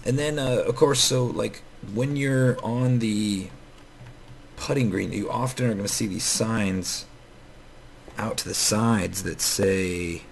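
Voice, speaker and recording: A man with a lowish, gravelly voice, scratchy from the morning, talks through his game in loose, rambling commentary. He keeps restarting sentences and filling gaps with "um" and "you know". Faint typing from his keyboard sits under his voice. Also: slow pace. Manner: rambling, many fillers and restarts. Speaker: Minecraft let's player. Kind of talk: casual gameplay commentary.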